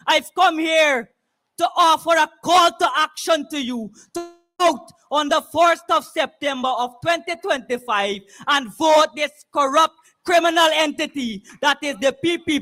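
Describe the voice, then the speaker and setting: A man with a Guyanese accent giving a fiery, impassioned revolutionary speech as a political rally speaker, often shouting. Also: extremely high pitch. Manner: fiery, impassioned, revolutionary call-to-action oratory; shouting much of the time. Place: public political meeting, speaking to a crowd.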